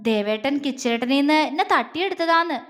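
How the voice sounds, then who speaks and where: A woman's voice: high voice, expressive, brisk. A woman voicing a playful young wife who teases and pleads in a sing-song, childlike way. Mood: coaxing. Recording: long reverb.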